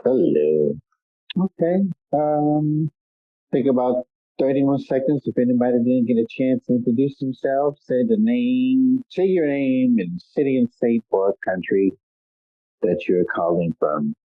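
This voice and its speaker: Stuffed up and a little nasal from congestion, a man hosts a casual call-in show, rambling easily with plenty of "um"s. His medium-pitched voice is lively but a bit slow, heard over a tinny, dry phone or conference-call line.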